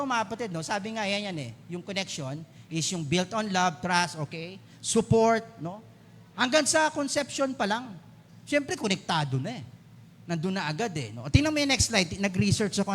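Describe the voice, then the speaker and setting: A man with a Filipino accent preaching a lively Mother's Day sermon to his congregation in a church hall, switching between Filipino and English and calling for applause and amens. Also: high-pitched, normal speed. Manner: lively, mixes English into Filipino, asks the congregation to clap and say amen. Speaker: pastor.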